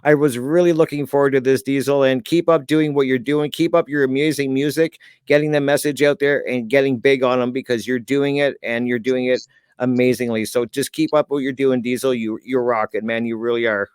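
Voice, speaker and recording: A man's voice: medium pitch, fairly even intonation, fairly quick, a little mellow, smooth, no echo. A man hosting a podcast in a casual interview, friendly and encouraging as he wraps up. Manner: friendly and encouraging, repeats praise. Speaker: podcast host.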